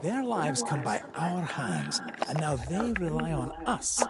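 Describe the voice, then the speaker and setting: An actress voicing an earnest, soft-spoken park advisor in scripted game dialogue, with a lively pitch and crowd noise behind. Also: female voice, a little slow.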